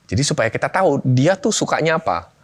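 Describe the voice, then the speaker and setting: A middle-aged guest on a family talk show tells stories in a casual, animated way, acting out the dialogue of family members as he goes. He talks fast in a medium-pitched voice.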